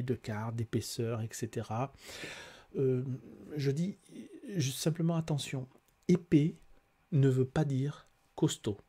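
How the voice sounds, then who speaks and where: A man's voice: medium pitch, mellow, slightly rough. A man presenting and comparing two tarot decks in a casual, hesitant way, with frequent fillers and restarts as he explains. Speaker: tarot reader and life coach. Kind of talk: casual product review.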